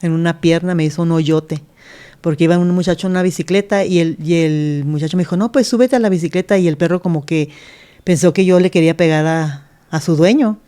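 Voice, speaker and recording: Soft, low-voiced woman. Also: a little fast, clear, resonant tone. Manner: earnest, retells scenes by acting out quoted speech. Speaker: pastor, guest. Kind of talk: telling a personal life story in an interview.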